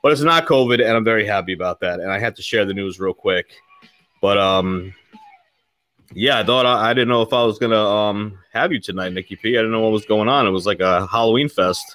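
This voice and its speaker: A podcast host with a lowish, slightly bright voice talks fairly quickly, hyping up his live show in casual chat. He swears and repeats his phrases, and a chest cold keeps making him cough.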